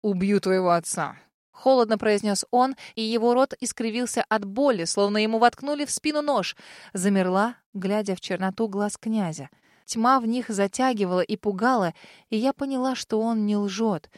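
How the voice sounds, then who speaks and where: A woman narrates a fantasy audiobook in the first person, her voice a bit high and the sound dry and close. She reads expressively and bursts into anger in the heroine's lines. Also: normal speed, no echo.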